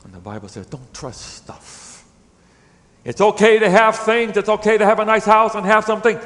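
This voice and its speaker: A middle-aged pastor with a high, light voice delivers a sermon, one moment pressing his point loudly, the next dropping to a near hush. His words ring out with a long reverb through a big church hall. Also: fast. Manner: dynamic preaching, swinging between loud emphatic peaks and hushed low lines. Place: church sanctuary.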